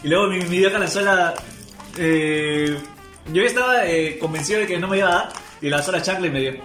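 Halting young guy, echoey. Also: high-pitched, fairly bright tone, soft background music. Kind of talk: casual chat.

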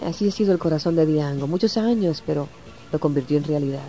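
A woman's voice: sits low, quick pace, loud music behind the voice. A woman hosting a radio interview, talking in an effusive, affectionate way. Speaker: radio host. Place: radio studio in New York.

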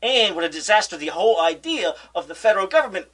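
A man co-hosting a casual political podcast chat, animated and laughing often, often restarting his sentences. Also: sits high, quick pace, breathy edge. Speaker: podcast co-host.

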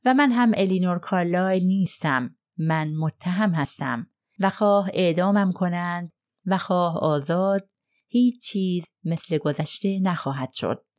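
A woman narrating a crime novel audiobook in a measured, even reading style. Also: lowish voice, no room sound, clean studio sound.

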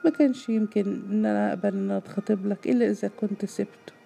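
A proud young woman, stung and defensive, snapping back in a raised voice, as a woman reads her lines. The tone stays dark and gravelly. She sounds hurt but unyielding. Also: mid-range voice, steady tone, rapid-fire, faint music behind, pitched above the performer's own voice. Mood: indignant. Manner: sharp and defensive.

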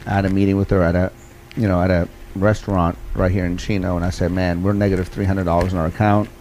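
A man's voice: sits low, level tone, fast talker, darkish tone, a little hiss or hum. A middle-aged man in an interview, telling a personal story in a rambling way with many fillers and repeats. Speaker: interview guest.

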